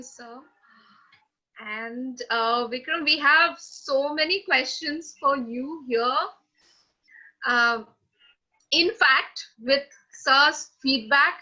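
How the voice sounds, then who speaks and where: Bright, high-voiced woman hosting. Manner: halting, searches for words. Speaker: webinar host. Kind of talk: hesitant moderating of questions. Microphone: video call. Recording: slightly dull online call audio.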